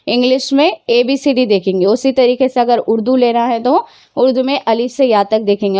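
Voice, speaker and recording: A woman's voice: fairly high pitch, darkish tone, no room sound. A woman teacher giving a grammar lesson to children, patiently asking questions and answering them herself, mixing English words into her explanations. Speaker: Urdu teacher.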